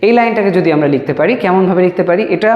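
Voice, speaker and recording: A man's voice: high voice, dull audio. Man teaching English in an echoey room. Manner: slow, drawn-out dictation of example sentences. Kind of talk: spoken English lesson. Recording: echoey room with long reverb.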